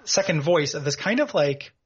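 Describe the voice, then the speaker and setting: A man's voice: a little high, lively intonation, normal speed, slightly rough. Rambling man with lo-fi sound. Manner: rambling, laughs at his own jokes. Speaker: podcast co-host. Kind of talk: casual chat about a video game.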